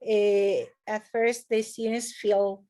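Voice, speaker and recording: A woman's voice: medium pitch, little pitch movement, slow, warm tone. A woman teaching an online class, speaking hesitantly with many fillers and restarts.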